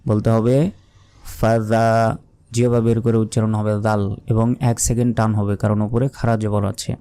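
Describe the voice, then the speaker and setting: A man teaching recitation, explaining pronunciation mistakes and then chanting the verses slowly in a raised tone. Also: lowish voice, little pitch movement, mellow, smooth. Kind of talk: pronunciation lesson with slow drawn-out recitation.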